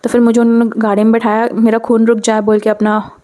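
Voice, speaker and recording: A young woman telling a personal story in a casual, chatty way, switching between languages and often checking in with "okay". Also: fast talker. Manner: chatty, mixes in English phrases, keeps saying "okay"; animated, with sudden pitch jumps. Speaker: storytime vlogger.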